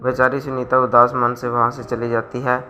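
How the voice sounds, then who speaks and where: A man narrating a scripted moral story in an even, steady way. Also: medium pitch, normal speed, soft background music, poor audio.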